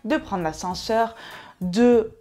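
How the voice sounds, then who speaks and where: A woman's voice: a little high, slow pace, noisy background. Playful, chatty woman giving advice. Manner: playful, self-mocking asides. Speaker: host of a fitness advice video. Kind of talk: casual chatty advice to the viewer.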